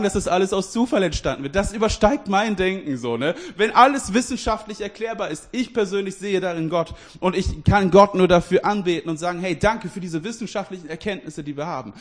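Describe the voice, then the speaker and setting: A man with a high voice preaches in a loose, conversational way. He talks directly to the people listening, corrects himself often and laughs through his points. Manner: restarts and self-corrections. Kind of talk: casual sermon.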